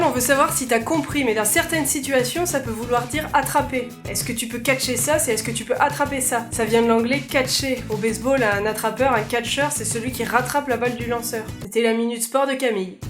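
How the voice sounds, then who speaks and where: A woman vlogger explaining words in a casual, playful, self-mocking way. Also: a little high.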